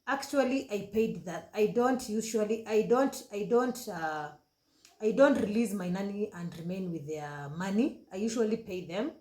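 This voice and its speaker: A Kenyan woman in her thirties recounts a painful episode from her own life on her vlog. Her delivery is halting, full of repeats and self-corrections, with Swahili phrases mixed into her English. Her voice sits at a middle pitch and echoes in a roomy space. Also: lively intonation, warm tone. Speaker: vlogger. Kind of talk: emotional personal storytelling.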